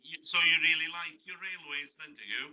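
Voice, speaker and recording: A man's voice: a little high, fairly quick, highs cut off, crowd noise. A man, chatting as an interview guest and asking friendly tag questions. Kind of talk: casual interview chat. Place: classroom radio studio.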